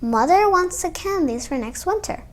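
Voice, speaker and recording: A woman's voice: very high-pitched, animated, normal speed, voice pushed up. A young girl voicing a busy, caring human mother in a storybook. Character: little girl's mother, busy, caring adult woman.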